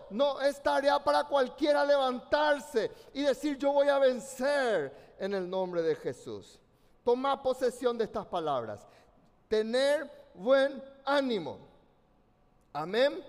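Male pastor, strikingly high voice, fervent sermon, long hall reverb. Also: darkish tone. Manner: fervent, commanding, calls for congregation responses. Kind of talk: preaching a sermon.

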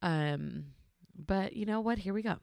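A woman's voice: mid-range voice, unhurried, vocal fry, clean tone, dry recording. A woman in her thirties hosting a podcast at home, talking in a casual, rambling solo monologue and keeping her voice down. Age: 30s. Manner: chatty, rambling, many fillers; hushed, trying not to be loud. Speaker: podcast host. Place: home at night.

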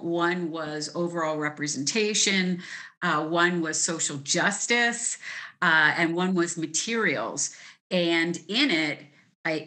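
A woman's voice: low voice, sharp tone. A woman who teaches gifted students, explaining her ideas step by step as a guest in a conversational interview.

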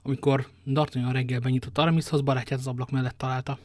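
A man narrating a classic adventure story in a calm, even reading manner. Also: medium pitch, no echo.

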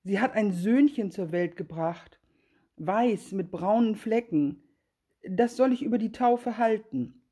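A woman's voice: mid-range voice, lively intonation, measured pace, warm tone, slightly rough. A woman voicing a sly, greedy female cat who sweet-talks in a fairy-tale reading. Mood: coaxing. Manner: sweet-talking, coaxing, then curt.

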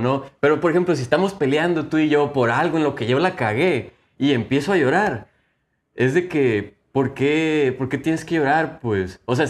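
Slangy young Mexican man, casual chat. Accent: Mexican Spanish. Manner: slangy, swearing, animated pitch swings.

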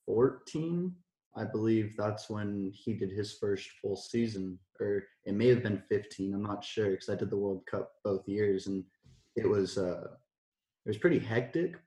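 Guest, American man, mellow low voice, hesitant thinking-aloud delivery, echoey room. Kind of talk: casual chat.

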